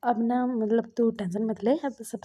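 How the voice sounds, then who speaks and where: A woman's voice: fairly high pitch, steady tone, a little slow, mellow. A woman voicing a caring, protective older man who speaks in a soothing, familiar way.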